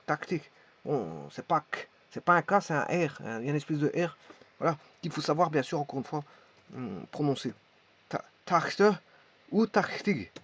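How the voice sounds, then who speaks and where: A man teaches in a halting way, stopping often and repeating each word as he demonstrates how it sounds. His voice sits somewhat high for a man, and the recording is dull and lo-fi. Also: fairly bright tone, husky. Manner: hesitant, repeats words while demonstrating pronunciation. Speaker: language teacher. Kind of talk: hesitant spoken lesson.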